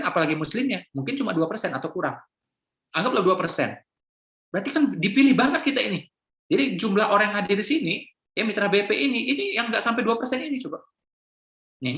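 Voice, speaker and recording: A man's voice: on the high side, fairly bright tone, dull audio. Man preaching casually in an echoey room. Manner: conversational, with frequent rhetorical questions and "ya kan?" tags. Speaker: religious teacher speaking to business partners. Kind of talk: informal religious talk.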